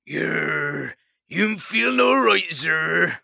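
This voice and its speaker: A humble old mole foreman, speaking a thick rustic dialect. The voice is raw and gravelly yet bright. He takes his time over every word, very slowly. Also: fairly high pitch, expressive, no room sound, clean studio sound, voice pushed up, exaggerated voice.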